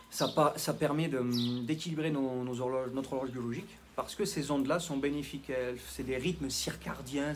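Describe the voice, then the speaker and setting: A man's voice: mid-range voice, noisy background. A man with a southwestern French accent, a health coach talking to camera in a rambling, self-mocking, digressive way. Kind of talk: casual talking-head monologue.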